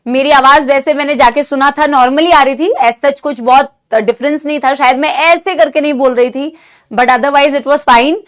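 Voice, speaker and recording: A young woman teaching a live online class with a sore throat from a cold, talking gently and affectionately to her students while mixing Hindi and English. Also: high-pitched, steady tone, moderate pace. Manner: motherly, calls students "beta", mixes Hindi and English. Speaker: online NEET biology teacher.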